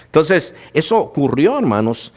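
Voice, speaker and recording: Man preaching, leaning on slow numbers. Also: a little high, very animated, darkish tone. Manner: addresses the congregation as "hermanos" often, asks rhetorical questions; slows down to stress numbers. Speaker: pastor. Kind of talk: sermon. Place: church.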